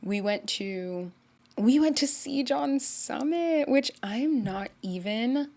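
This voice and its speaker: A young woman, congested from being sick, hosts a solo podcast in a slightly high voice at a slow pace. She rambles casually and tells a story with animation, saying "like" constantly.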